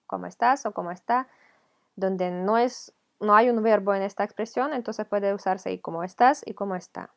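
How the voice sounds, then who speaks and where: A woman's voice: mid-range voice, normal speed, creaky. A woman with a Ukrainian accent, a teacher explaining a video lesson patiently, step by step. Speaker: language teacher.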